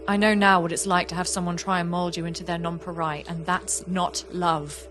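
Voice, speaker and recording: Over music, a woman with a fairly low, level voice speaks at normal speed, lightly acted, as a young woman artist in an audio play monologue and dialogue. Her delivery is earnest and confessional, heartfelt and resolute, voicing a warm, reflective character who longs for an old friend.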